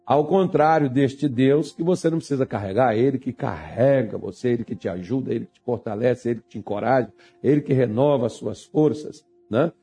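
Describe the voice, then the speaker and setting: A man preaching a sermon as a pastor, swinging between hushed, intimate passages and raised, fervent ones. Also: medium pitch, brisk, hardly any pauses, husky, faint music behind.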